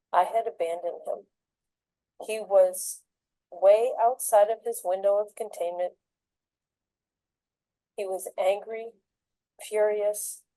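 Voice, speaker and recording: Calm, mellow-voiced woman narrating. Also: mid-range voice, dry recording, low-quality recording. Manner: calm, measured reflection. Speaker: foster parent. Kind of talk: scripted storytelling narration.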